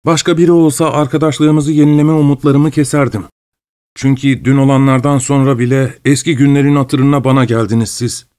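A man voicing an excitable, fawning middle-aged husband who talks with ingratiating emotion, in an audiobook. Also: mid-range voice, brisk, pitched above the performer's own voice, close to an everyday voice. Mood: excited, fawning.

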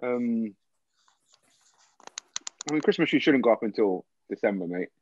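A man's voice: mid-range voice, lively intonation, a little slow, a little mellow, no room sound. A man with an urban London street accent, chatting casually in slang as a podcast co-host on a video call. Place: home, on a group video call. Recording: dull, lo-fi video call audio.

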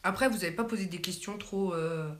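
A woman hosting a casual live stream, chatting warmly and hesitantly with many fillers as she answers viewers' comments. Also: on the low side, a little fast. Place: home, at night.

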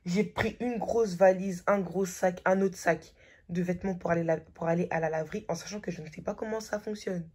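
A young woman chats casually into her phone, rambling through fillers and half-finished thoughts. Her voice sits a little low, husky and mellow. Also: steady tone, a little fast. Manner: chatty, rambling, heavy filler words. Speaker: vlogger. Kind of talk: casual chat to camera. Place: at home, late at night. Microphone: phone camera.

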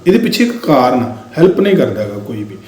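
A man's voice: medium pitch, big pitch swings, quick pace, a little mellow, echoey room. A man giving casual commentary on viral videos to his viewers, talking straight to them and repeating his points. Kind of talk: casual Punjabi commentary vlog. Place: indoor room in Bahrain.

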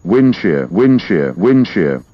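A man's voice: low-pitched, very animated, takes it slowly. A man making terse, clipped automated callouts as a cockpit warning voice. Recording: dry, muffled lo-fi alert.

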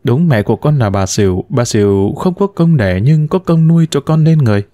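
A man's voice: medium pitch, expressive, a little fast, dark tone, no echo, studio quality, natural voice. A man voicing a young anguished mother. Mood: tender. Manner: emotional, pleading. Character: young woman, anguished mother who abandoned her son.

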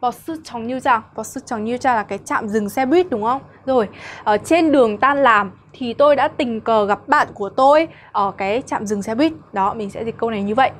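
Young Vietnamese woman, language teacher, patient explainer, fairly high voice. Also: quick pace. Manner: explains patiently, often asks "được chưa?". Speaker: Korean teacher. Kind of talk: grammar lesson.

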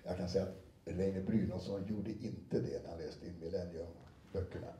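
Dark-voiced man in a roomy hall. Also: low-pitched, steady tone. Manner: conversational, many fillers and restarts, briefly acts out quotes. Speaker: audiobook narrator giving a talk. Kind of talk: anecdotal talk to an audience. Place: lecture room with an audience. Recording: roomy sound from a distant mic.

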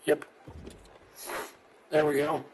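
Guy streaming a game, slightly high voice, reads stuff out loud, laughs a lot, faint hiss. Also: completely flat delivery, slow, rough recording. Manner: reads in-game text aloud, chuckles often. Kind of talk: casual gameplay commentary.

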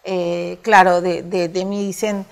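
A woman's voice: lowish voice, flat delivery, takes it slowly, clear, resonant tone. A Peruvian woman with a Spanish accent hosting an interview, sympathetic and prompting, often finishing her guest's sentences. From Peru. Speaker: TV interview host.

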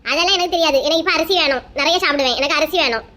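A woman's voice: high voice, rapid-fire, pushed and bright. Woman playing a whiny greedy young wife. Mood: whiny insistent. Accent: Kanyakumari Tamil. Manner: whiny, insistent. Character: greedy childish young wife demanding treats.

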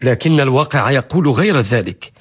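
Very husky, lovestruck young man. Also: medium pitch, expressive, a little fast. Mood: doubtful. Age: young adult. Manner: formal, emotive, dramatic. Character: lovestruck, proud young merchant, son arguing with father. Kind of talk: historical radio drama acting.

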